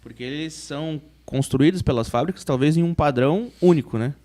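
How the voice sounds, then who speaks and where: A man's voice: fairly high pitch, brisk, dark tone. A man hosting a casual podcast interview, breaking in with short agreements and follow-up questions. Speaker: podcast host.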